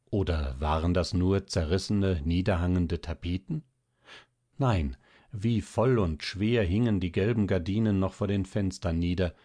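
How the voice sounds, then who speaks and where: A man calmly narrating a classic story as an audiobook reader. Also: low voice. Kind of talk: scripted narration.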